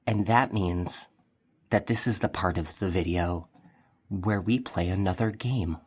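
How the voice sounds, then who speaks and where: A man narrating a solo tabletop game in a relaxed, rambling way with many fillers. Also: low voice, measured pace, slightly rough.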